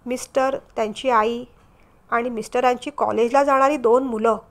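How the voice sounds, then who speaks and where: A hurt, unhappy young wife in a storybook reading, voiced by a woman narrator. She speaks in a restrained, subdued way, holding back her pain. The voice is high. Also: fairly even intonation, moderate pace, natural voice. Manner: subdued, then sharp and defensive.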